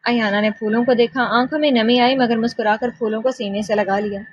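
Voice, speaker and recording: A woman narrating a romance novel in a calm, measured way, with short phrases. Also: fairly high pitch, dull audio. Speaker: audiobook narrator. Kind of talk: novel reading.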